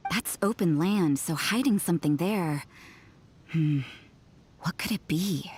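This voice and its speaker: A woman's voice: fairly low pitch, a little slow, a little mellow, husky. A woman voicing an aloof, curt adult nun in a game cutscene, with a dry delivery. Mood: cool. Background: game music.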